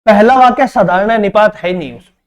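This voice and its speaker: A man's voice: high voice, fast. A man teaches grammar for an exam. He repeats each phrase, poses questions and answers them himself, and calls his students "beta". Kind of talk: exam-prep grammar lesson.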